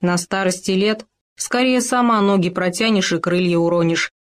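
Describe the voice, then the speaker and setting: A woman's voice: on the low side, normal speed, natural voice. A woman voicing a bossy, meddling male hamster who lectures and scolds in a storybook tale. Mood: lecturing. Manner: preachy, scolding.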